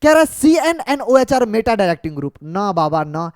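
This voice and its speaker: A man walks students through chemistry problems, coaxing them along. He asks questions and then answers them himself in a lower voice. The recording is dry, close and free of room sound. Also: sing-song, takes it slowly, a little mellow, no echo. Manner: coaxing, calls students "munna". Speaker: chemistry teacher. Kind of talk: exam solution lecture.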